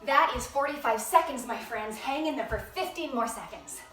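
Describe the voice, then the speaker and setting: Panting, high, bright fitness instructor woman. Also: lively intonation, moderate pace, far from the mic. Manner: upbeat, encouraging, panting between cues. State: out of breath. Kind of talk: workout instruction, counting reps. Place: room at home. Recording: echoey room, voice off-mic.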